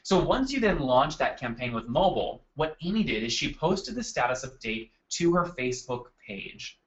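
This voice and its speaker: A man's voice: medium pitch, very animated, normal speed, muffled recording. A man hosting a live marketing webinar from his desk, upbeat and chatty, calling on attendees by name. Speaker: webinar host. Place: at a desk indoors.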